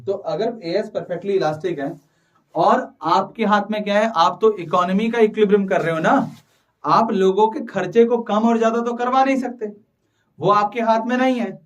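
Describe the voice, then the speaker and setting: A man teaching an online economics class, urging students to answer fast and mixing Hindi with English terms. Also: sits high, distant mic. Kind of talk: live online class lecture.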